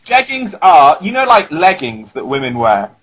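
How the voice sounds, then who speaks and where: A man's voice: on the high side, big pitch swings, moderate pace, a bit bright, breathy edge, poor audio. A man on a casual radio chat, wry and mock-serious in his joking.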